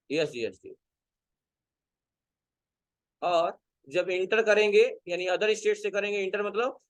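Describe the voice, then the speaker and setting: High-voiced man teaching a class. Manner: asks students questions and answers them himself. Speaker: computer teacher. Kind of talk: classroom lecture.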